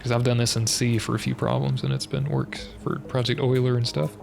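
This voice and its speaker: A young man live-streams a puzzle game, thinking aloud in a mid-range, slightly mellow voice with vocal fry. His nose is stuffy, giving him a slightly nasal sound, and he mutters hesitantly through the logic step by step, flat and a little fast, with faint music behind.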